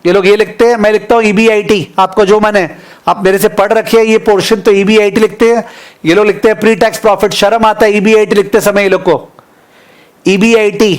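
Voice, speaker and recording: A high-pitched male teacher with an Indian English accent leads a live online finance class. He reads out figures slowly and repeats them for dictation. Between numbers he teases his students by name. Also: little pitch movement.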